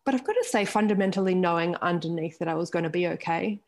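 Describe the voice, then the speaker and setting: A woman's voice: on the low side, quick pace, darkish tone. A woman in her forties speaking candidly as a podcast guest, telling a personal story openly with laughs and the odd swear word. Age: 40s. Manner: open and frank, with laughs and mild swearing.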